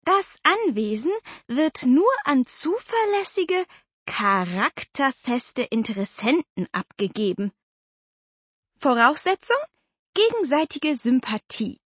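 Bossy high-pitched aunt, woman putting her on, emphatic, bouncy, a bit dull and dry. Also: fairly bright tone, no echo, heavily acted. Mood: insistent. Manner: emphatic, scolding. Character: brisk bossy middle-aged aunt. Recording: slightly dull dry recording.

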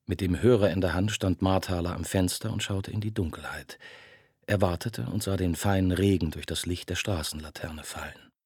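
Deep, husky male audiobook narrator. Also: fairly even intonation, a little mellow, no room sound, studio quality. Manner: measured, grave storytelling. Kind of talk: scripted narration.

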